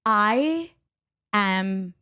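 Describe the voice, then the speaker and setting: A woman's voice: mid-range voice, expressive, drawn-out words, sharp tone, smooth. A woman with a Miami accent hosting a podcast, chatting casually in a slangy, gushing way. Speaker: podcast host, actor. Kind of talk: casual chat.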